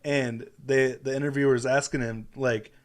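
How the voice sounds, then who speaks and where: Relaxed man retelling a story. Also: mid-range voice, normal speed. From Wisconsin. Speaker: podcast co-host. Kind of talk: casual chat.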